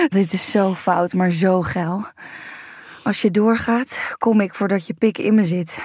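A woman's voice: mid-range voice, expressive, slow pace, darkish tone, slightly rough, no echo. A woman playing an eager, coy lover in an intimate erotic audio drama. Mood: eager, playful.

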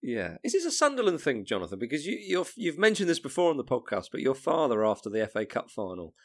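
A man's voice: medium pitch, huge pitch swings, fast, gravelly. A man hosting a football podcast, introducing guests in a jovial way and often chiming in. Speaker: podcast host.

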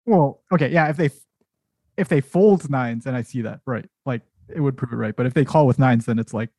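A man's voice: mid-range voice, a little fast, darkish tone, no echo. A man co-hosting a podcast, chatting casually and a little defensively, with hesitant phrasing, on a close mic. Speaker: podcast co-host. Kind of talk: casual chat.

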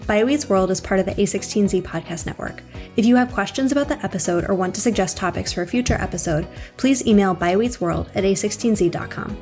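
A woman's voice: mid-range voice, quick pace, darkish tone. A woman, the podcast's host and producer, reading a scripted outro and disclaimer. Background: background music.

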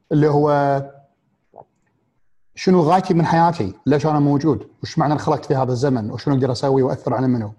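A man with a Gulf Arabic accent speaks to his audience in a reflective, motivational way, his voice sitting a little higher than most men's. He thinks aloud through rhetorical questions, stopping on fillers and restarting his phrases as he searches for the right words. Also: darkish tone. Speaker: speaker on happiness and mindfulness.

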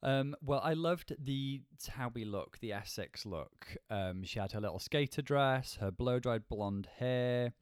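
A man co-hosting a conversational review, articulate and measured in his wording. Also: mid-range voice, lively intonation, clean tone, no room sound, clean studio sound. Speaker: podcast co-host reviewing a TV show. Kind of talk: conversational critique.

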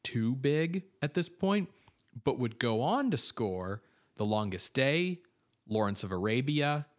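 This podcast co-host is a man with a mid-range, animated voice who takes his time. Reading informative notes on a film's cast and crew, he slips in casual fillers and side remarks.

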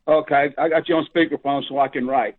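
A man's voice: fairly high pitch, fairly even intonation, quick pace. An older man calling a radio show on a speakerphone, plain-spoken and hurrying to get his questions out. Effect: voice heard over a phone line on speakerphone. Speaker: radio call-in caller. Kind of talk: casual call-in questions. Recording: tinny phone line.

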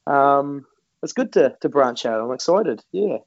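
A man's voice: mid-range voice, animated, measured pace, no room sound, highs cut off. A man with a New Zealand accent chatting casually and colloquially as an interview guest. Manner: informal, colloquial, refers to himself in third person. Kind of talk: casual chat.

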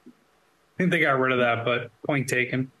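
A man's voice: mid-range voice, moderate pace, sharp tone, low-quality recording. Chill podcast guy asking stuff, middle voice. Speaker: podcast co-host. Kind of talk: casual chat.

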